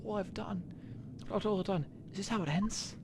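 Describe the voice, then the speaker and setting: A streamer voicing a young woman defense lawyer in despair, in a quiet, shaky voice. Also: mid-range voice, brisk, very noisy, pitched above the performer's own voice, natural voice.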